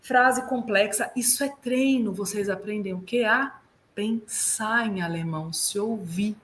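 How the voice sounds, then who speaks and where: A Brazilian woman consultant and German teacher giving lively, explanatory advice over a video call, sounding out German words to show how they are said. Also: medium pitch, measured pace, slight background noise. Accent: Brazilian Portuguese.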